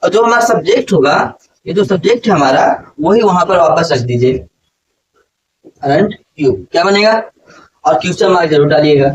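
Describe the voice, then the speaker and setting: A man teaching a grammar lesson to a classroom, often asking his students questions and repeating key points. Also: a little high. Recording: distant, light background noise.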